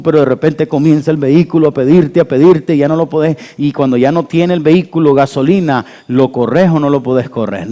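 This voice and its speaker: A male pastor, preaching an animated sermon with call-and-response to his congregation. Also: fairly high pitch. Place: church hall. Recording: church hall with long reverb.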